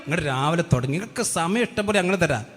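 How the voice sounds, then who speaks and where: A man's voice: a little high, expressive, quick pace, a bit bright, in a large hall. A man giving a combative religious rebuttal, firing rhetorical questions. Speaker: religious debate speaker. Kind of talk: polemical religious rebuttal talk.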